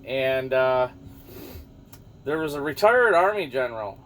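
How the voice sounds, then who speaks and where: A man's voice: medium pitch, animated, unhurried, a bit bright. A man rambling casually about the news to his viewers, losing his thread now and then and swearing offhand. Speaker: vlogger.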